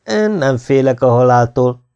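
A man reading an audiobook voices a blunt, defiant sergeant of the legion in a raised, forceful voice. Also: medium pitch, muffled recording, natural voice. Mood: grim. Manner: blunt, grim and confrontational.

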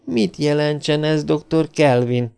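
A man reading an audiobook, voicing a stern old male scientist who speaks in a measured, cold way. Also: fairly high pitch, expressive, creaky, a little mellow. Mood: tense. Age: older.

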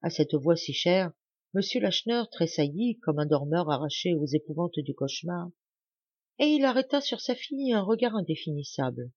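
A woman reading a classic novel aloud in an expressive, dramatic narration, recorded dull and muffled. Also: on the low side, moderate pace, breathy edge, no echo. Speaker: audiobook reader. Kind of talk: scripted literary narration.

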